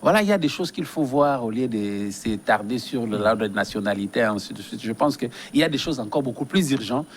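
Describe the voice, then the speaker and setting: A man's voice: medium pitch, expressive, a little fast, few pauses, slight background noise. A man from DR Congo, a guest giving earnest, emphatic political commentary in a studio interview and often repeating his phrases.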